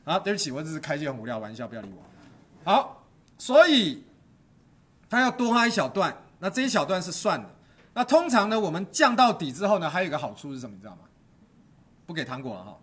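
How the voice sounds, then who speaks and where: A man's voice: a little high, sing-song, fast, a bit bright, husky. A middle-aged man teaching a stagecraft class, quizzing his students, cracking jokes and dropping English terms into the lecture.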